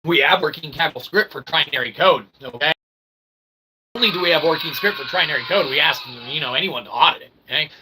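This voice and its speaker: A fast-talking man with a slightly high voice, an independent researcher and vlogger, gives a rambling, folksy monologue. It's irreverent and slangy, with mock-grand wording and repeated check-ins like "okay" and "all right." Background noise is audible.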